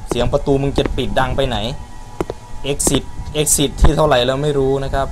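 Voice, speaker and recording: A man's voice: medium pitch, steady tone, normal speed. A man commenting as he plays a horror game, yelping, swearing and talking back to it. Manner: jumpy, yelps and swears, talks to the game. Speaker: gaming YouTuber. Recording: loud background music.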